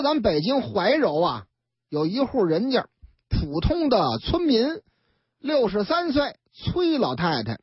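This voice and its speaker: A man's voice: high voice, slightly rough, no echo. A man with a Beijing accent telling a crime story on the radio in a chatty way, acting out the characters. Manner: chatty, acts out every character. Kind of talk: colloquial crime story narration. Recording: dull lo-fi radio broadcast, dry.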